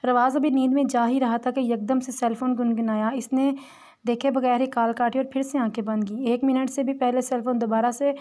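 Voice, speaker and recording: A woman narrating a romance novel as an audiobook in a plain, steady reading voice. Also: fairly high pitch, a little fast. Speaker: novel reader.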